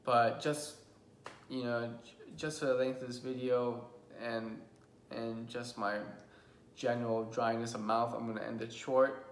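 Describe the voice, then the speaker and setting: Young man, twenties, earnest personal vlog, halting restarts, echoey room, faint background noise. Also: mid-range voice, level tone. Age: 20s. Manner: earnest, emotional, full of restarts. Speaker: vlogger. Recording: roomy with faint background hum.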